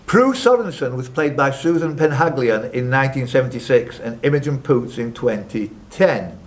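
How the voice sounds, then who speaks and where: This is a quiz host reading out questions in a social club room and talking with contestants in between. He speaks at medium pitch, animated, at a moderate pace. Background noise from the room fills this noisy live recording.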